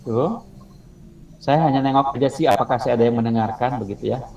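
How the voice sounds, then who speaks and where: A man's voice: medium pitch, a little fast, dark tone, lo-fi sound. Roomy, distant man lecturing over video call. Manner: explains step by step, asks the class questions. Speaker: instructor. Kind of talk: online teacher-training lecture. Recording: roomy, distant mic, faint insect noise.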